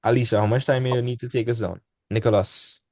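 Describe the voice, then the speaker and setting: Over a video call, a young adult man tutors maths in a casual online class, teaching in a laid-back way with dialect speech. His medium-pitched voice is brisk and darkish, with fairly even intonation and a dry recording.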